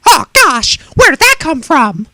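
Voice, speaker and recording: Storybook boy, honest and polite: high, bright, lively. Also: a little slow, no room sound, studio quality, heavily acted. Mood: earnest. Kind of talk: storybook read-aloud.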